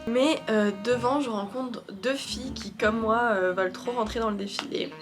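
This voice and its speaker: A woman vlogger tells her story in a chatty, animated voice-over, dropping fillers as she goes. Her voice sits a little high. Music plays clearly behind her. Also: normal speed. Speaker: vlogger and street-style photographer. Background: background music.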